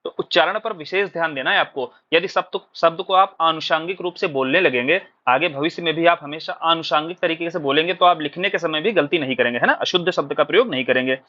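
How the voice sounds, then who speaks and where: A man's voice: a little high, quick pace, hardly any pauses, bright, forceful tone. A man teaching a recorded exam-prep lesson, explaining patiently and asking questions before answering them himself. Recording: dull lo-fi recording.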